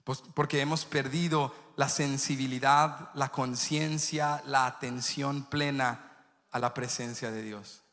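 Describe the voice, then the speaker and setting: A man's voice: mid-range voice, fairly even intonation, slow, fairly bright tone. A male pastor preaching a sermon, passionate and telling vivid stories. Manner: impassioned preaching with vivid storytelling. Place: church sanctuary. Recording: echoey church hall.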